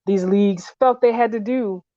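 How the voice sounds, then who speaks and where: A woman's voice: mid-range voice, normal speed, warm tone, dry recording. A woman from Illinois, a guest on a casual podcast, talking thoughtfully with many hesitations. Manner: thoughtful, hesitant, laughs easily. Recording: slightly dull, lo-fi sound.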